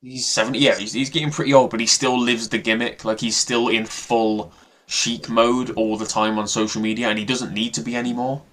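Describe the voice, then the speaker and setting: A man's voice: mid-range voice, little pitch movement, a little fast, fairly bright tone. A man hosting a wrestling podcast, asking eager, casual questions of his guest. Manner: enthusiastic, asks eager questions. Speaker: podcast host, interviewer. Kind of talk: casual interview.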